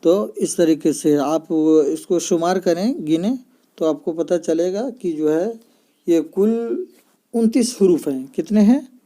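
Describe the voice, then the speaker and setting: A man's voice: high-pitched, animated, takes it slowly, dark tone. A man teaching children's reading in a patient explanatory style, often checking in with listeners. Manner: patient, repeats points with "ठीक है ना". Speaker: teacher of Arabic letters for children.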